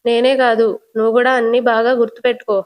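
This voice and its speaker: A woman reading a gentle, teasing young husband. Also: on the high side, flat delivery, fast, natural voice. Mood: tender.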